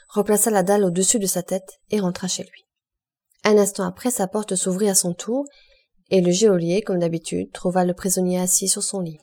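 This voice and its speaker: Mellow-voiced woman reading a classic novel. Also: medium pitch. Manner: measured literary reading. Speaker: audiobook reader. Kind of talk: scripted narration.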